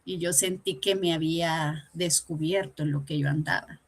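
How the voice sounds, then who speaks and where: A woman's voice: low voice, fairly even intonation, moderate pace. A woman giving a personal testimony during a church Bible lesson, telling her story animatedly and acting out the dialogue.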